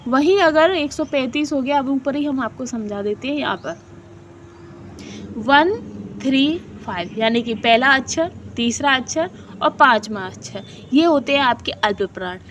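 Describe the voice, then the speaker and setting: A high-pitched woman teacher leads an exam-prep lesson and keeps asking and answering her own questions. She sounds out syllables again and again as she explains, with English words mixed into her talk. Faint noise hums behind her. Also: normal speed, fairly bright tone. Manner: repeats syllables to demonstrate sounds; mixes English words into Hindi.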